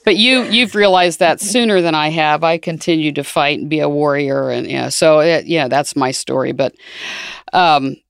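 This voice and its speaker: Gravelly, smooth-voiced woman in her 60s. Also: low voice, moderate pace, dry recording, clean studio sound. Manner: reflective, relating her own experience. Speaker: interviewer. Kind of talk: conversational interview.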